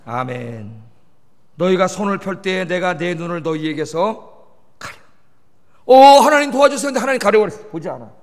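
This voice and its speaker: A man's voice: on the high side, lively intonation, moderate pace, vocal fry. A male pastor preaching a sermon, emphatic, pleading with the congregation and firing questions at them. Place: church sanctuary. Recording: long church reverb.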